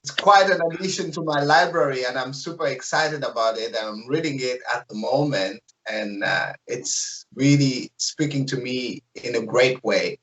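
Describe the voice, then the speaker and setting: A man hosts an interview with an upbeat, encouraging manner. His voice sounds bright and forceful at a middling pitch. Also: normal speed, few pauses, rough recording. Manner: enthusiastic, encouraging. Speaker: interview host. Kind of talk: hosting an interview.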